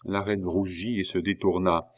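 Man, audiobook narrator, low voice, measured, quiet tags. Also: flat delivery.

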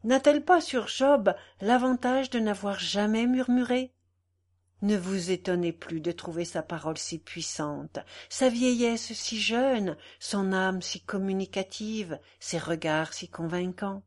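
Woman narrator voicing a devout old man, earnest, measured, mid-pitched audiobook read. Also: a little mellow, lightly acted. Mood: solemn. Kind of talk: audiobook reading.

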